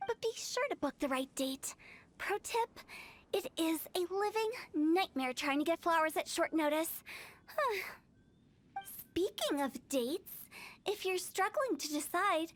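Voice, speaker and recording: An actress voicing Hu Tao, a young female funeral parlor director who teases playfully and jokes breezily about death, in a game cutscene. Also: very high-pitched.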